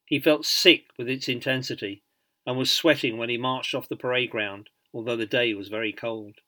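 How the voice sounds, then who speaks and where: A man reading a biography as scripted audiobook narration in a measured storytelling manner. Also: mid-range voice, steady tone, bright, forceful tone.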